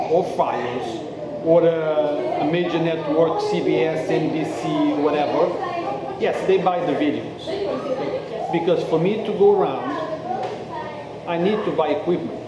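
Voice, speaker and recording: A man's voice: on the high side, measured pace. A man from Mozambique, a street videographer, earnestly explaining himself in a casual interview, often checking in with "okay?". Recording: very echoey room with crowd chatter.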